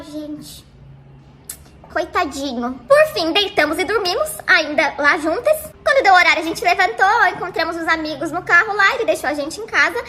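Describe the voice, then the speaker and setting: Very high, bright-voiced young woman storyteller. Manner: animated, slangy, acts out the other people in the story. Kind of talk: casual personal storytelling.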